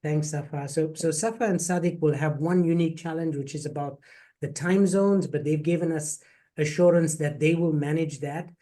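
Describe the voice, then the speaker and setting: A man on the program faculty hosts an online info session over a video call, chatting casually, joking, and often repeating words. His voice is a little high and dark in tone, at a moderate pace.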